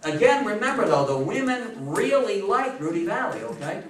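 An animated older man lectures informally on history to a seated audience in a roomy meeting room, telling anecdotes, repeating phrases for emphasis and taking questions. He has a high voice and a moderate pace. The distant camera mic catches roomy echo and slight background noise.

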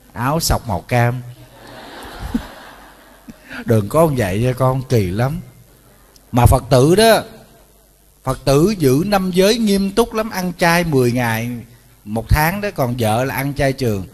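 A man with a Southern Vietnamese accent, a Buddhist monk giving a storytelling sermon, animated and joking, talking straight to his listeners. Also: mid-range voice, big-room sound. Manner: animated, joking, addresses audience directly.

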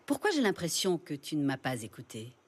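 An actress playing a self-assured sorceress in an anime dub, composed, dry and commanding. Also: female voice, sits low, huge pitch swings, a little fast, noisy background. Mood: cool, guarded.

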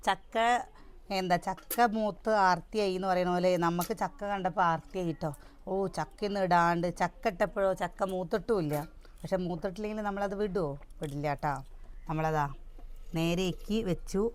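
A woman's voice: on the low side, brisk. Chatty woman with a sore throat. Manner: chatty, addresses viewers directly. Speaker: cooking vlogger. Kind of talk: casual home cooking vlog chat.

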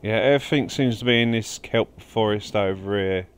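A man's voice: fairly low pitch, normal speed, a little hiss or hum. A man giving casual let's-play commentary as he plays, chatting to the game's creatures. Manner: chatty, talks to game creatures while playing. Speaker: gaming livestreamer.

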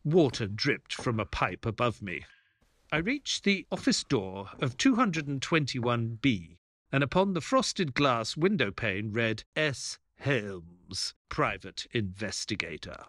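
A man playing a mild, earnest doctor who narrates his detective tale in a measured, polite audio play style. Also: mid-range voice, very animated, a bit bright, no room sound, full character voice. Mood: reflective. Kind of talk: dramatic first-person audio play narration.

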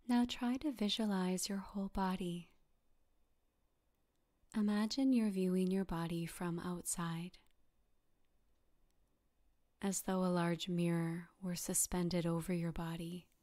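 A woman guides a yoga nidra meditation, narrating slowly in a soft-spoken, fairly low voice. Her tone is soft, breathy, and half-whispered, calm and soothing as she gently gives instructions with long pauses.

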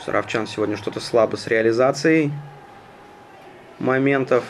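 Measured male hockey commentator, mid-pitched. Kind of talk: live sports play-by-play commentary. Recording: noisy ice rink ambience. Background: arena noise.

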